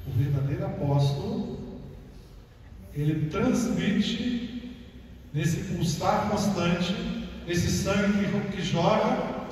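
A high-voiced man with a Brazilian Portuguese accent preaches into a handheld mic in a large church. He calls out questions, then slows to a soft, slow voice. The sound comes from far back, with a long echo. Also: slight background noise. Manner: calls out questions to the crowd, then speaks softly and slowly. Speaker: deacon. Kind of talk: sermon talk to a church group. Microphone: handheld mic, filmed from the pews.

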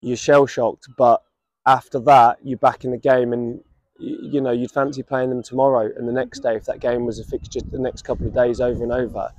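A man in his thirties with an English accent, a football manager giving a measured, reflective post-match interview outdoors at a stadium. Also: medium pitch, little pitch movement, darkish tone, no room sound. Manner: reflective, measured, many restarts. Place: outdoors by a stadium running track. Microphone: camera at standing distance.

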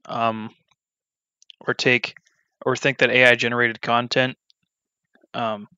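Blunt, rambling man with a bright voice. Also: mid-range voice, little pitch movement, takes it slowly, clean tone, no room sound. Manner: rambling and blunt, full of ums and restarts. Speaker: gaming YouTuber. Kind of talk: casual gameplay commentary. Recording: slightly dull, dry recording.

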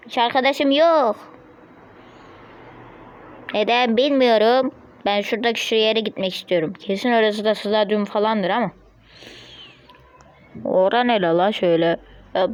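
A woman's voice: a little high, muffled recording, slight background noise. A woman giving casual gameplay commentary on a mobile game, chatting to viewers and blurting out sudden yelps and insults at opponents. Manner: chatty running self-talk to viewers.

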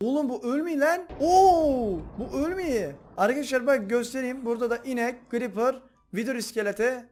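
High-voiced excitable gaming host man. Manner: chatty, excitable, addresses viewers directly. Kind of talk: casual gameplay commentary.

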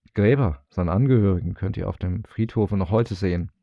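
A man reading a storybook, voicing a stooped old village man who asks his questions slowly and with measured wonder. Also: sits low, gravelly, no room sound, dull audio. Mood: puzzled.

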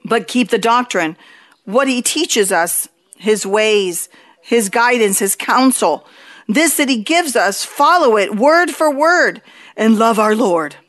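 An older woman leading a Bible study in a church hall, preaching slowly and earnestly into a handheld mic. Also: fairly high pitch, animated, a bit bright. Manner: slow, earnest preaching with pauses. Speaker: church leader.

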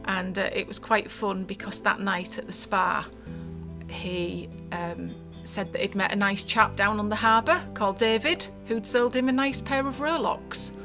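A woman's voice: mid-range voice, steady tone, a little slow, music in the background. Woman shopkeeper telling amused anecdotes. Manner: chatty, amused, with light laughs. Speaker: shop owner. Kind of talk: casual anecdote interview.

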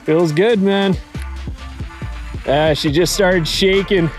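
A man, chatting excitedly to viewers while fishing on a riverbank, recorded on a head-mounted action camera. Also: high-pitched, slow, faint music behind. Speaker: fishing vlogger. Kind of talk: casual fishing vlog commentary. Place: outdoors on a riverbank and lakeshore.

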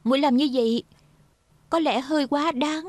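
A woman voicing a high, playful young heroine. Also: moderate pace, no echo, close to an everyday voice. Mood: tender. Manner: teasing, pleading. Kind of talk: dubbed TV drama.

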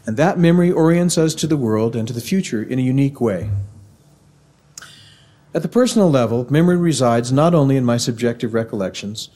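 A middle-aged man with a warm, mellow Missouri accent gives a formal devotional address into a podium microphone in a large university auditorium. He speaks in a measured, earnest way, with a medium-pitched and expressive voice.

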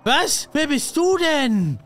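A man doing let's play commentary in character as a grumpy babysitter, bossy and comic, often bursting into loud shouting. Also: very high voice, big pitch swings, slow pace, soft background music. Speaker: gaming YouTuber.

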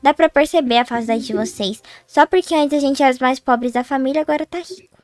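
A woman's voice: high voice, quick pace, a little mellow, no echo, natural voice. A woman playing a resentful daughter in a Roblox role-play story, blunt and accusing. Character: resentful girl, newly rich daughter.

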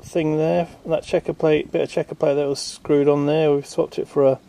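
This man's voice sits on the high side, gravelly and warm, with little pitch movement and a moderate pace. Filming a boat repair on a handheld camera outdoors in a garden workshop, he offers casual, rambling how-to talk that's self-deprecating and thick with ums.

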